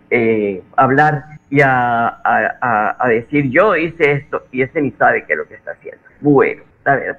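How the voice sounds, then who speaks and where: A man's voice: medium pitch, narrow, tinny audio. An older man hosting a radio show, giving opinionated news commentary with frequent hesitations. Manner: opinionated, halting with many fillers. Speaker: radio host.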